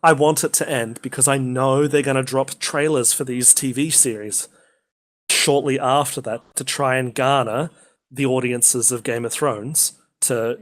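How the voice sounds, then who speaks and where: A man's voice: medium pitch, fairly bright tone. A man co-hosting a casual gaming podcast, rambling with lots of ums and the odd swear. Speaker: podcast co-host.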